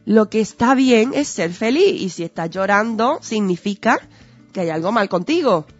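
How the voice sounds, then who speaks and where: A woman's voice: mid-range voice, animated, moderate pace, breathy edge. Earnest teacherly woman. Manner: earnest, teacherly, full of rhetorical questions. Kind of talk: conversational explanatory talk. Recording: dull lo-fi audio with faint music.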